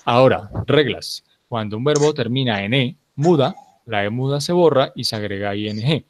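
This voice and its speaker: A man's voice: medium pitch, lively intonation, normal speed. A man teaching a grammar class, explaining rules patiently, repeating key points and often checking that his students follow. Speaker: English teacher.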